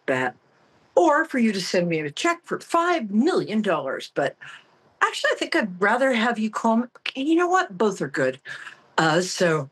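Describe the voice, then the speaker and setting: Campy, husky woman with swooping pitch. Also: fairly bright tone. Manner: campy, theatrical, self-mocking. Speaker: psychic tarot reader and call-in show host. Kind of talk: casual, comic monologue to listeners.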